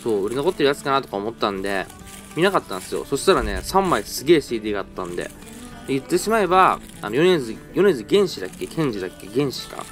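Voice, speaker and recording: Speaking quickly into a handheld camera in a parking garage, a young man who hunts for toys rambles through a casual vlog of his flea-market browsing, often correcting himself. His chatty voice bounces lively in pitch while faint music plays in the background.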